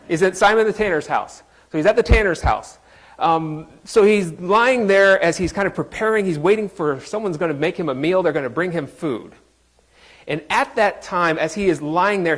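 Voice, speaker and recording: A man's voice: high-pitched, a bit bright. A man preaching a sermon in a conversational, joking way, quizzing his congregation. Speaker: pastor.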